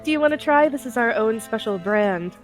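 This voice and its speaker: A woman's voice: a little high, expressive, brisk, faint music behind, close to an everyday voice. A woman voicing a friendly, inviting woman in her early twenties in a tabletop game.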